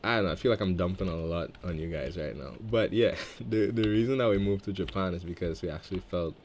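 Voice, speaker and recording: A man's voice: low-pitched, fast talker, a little mellow, a little hiss or hum. A man in his twenties from Trinidad and Tobago giving casual gameplay commentary, rambling and thinking aloud between chatty stories about himself. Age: 20s. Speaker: let's-play gamer.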